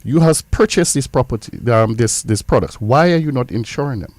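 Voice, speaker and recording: A Caribbean man with a medium-pitched voice explains things in an interview, recorded dry. He is emphatic, going back over phrases to stress them. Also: lively intonation, brisk, a little mellow, dry recording. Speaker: insurance representative.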